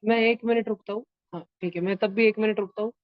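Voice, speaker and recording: A man's voice: sits high, steady tone, fast, dry recording. Male math teacher, patient and repetitive, checks understanding often; dull, dry lo-fi stream sound. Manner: patient, repeats steps and keeps checking if students follow. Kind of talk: classroom lesson to online and offline students.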